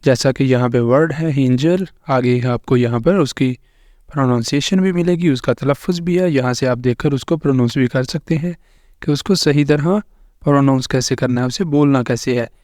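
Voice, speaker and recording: A man's voice: medium pitch, normal speed, a little mellow, no room sound, studio quality. A man teaching English vocabulary, saying each word and its meaning twice. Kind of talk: slow instructional narration over slides.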